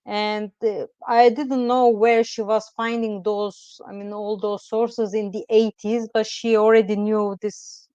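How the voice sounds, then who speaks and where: A woman's voice: mid-range voice, level tone, unhurried, hardly any pauses, dark tone, clear, resonant tone, dry recording. A middle-aged woman from Turkey with a Turkish accent, a guest astrologer chatting over a video call in a hesitant, rambling way full of "I mean, like.". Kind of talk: casual interview chat. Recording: dull lo-fi sound.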